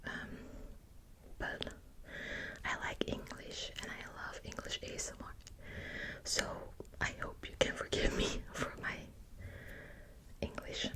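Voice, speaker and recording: Softly whispering on her ASMR channel about books, a young woman from Belgium speaks with a Dutch accent, hesitating and dropping in lots of small fillers. Her pace is slow, with frequent pauses.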